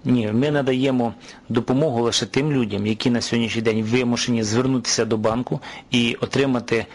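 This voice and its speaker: A man speaking as a government official, explaining in a measured, detailed way how a state program works, with the occasional filler. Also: mid-range voice, steady tone.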